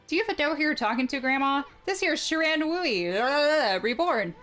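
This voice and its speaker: A woman's voice: high voice, lively intonation, a bit bright, soft background music, voice pushed up. Woman doing a cocky little sprite guy. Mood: boastful. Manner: cocky, boastful, rapid. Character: brash cocky tiny male sprite.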